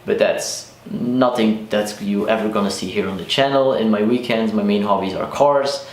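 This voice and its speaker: A Flemish man in his twenties from Flanders, Belgium, whose first language is Dutch, talks casually to camera as a car vlogger. His voice sits on the low side at a normal speed, and he uses "like" a lot and often restarts sentences. He's in a sparsely furnished room in a new house, and the bare room sounds echoey.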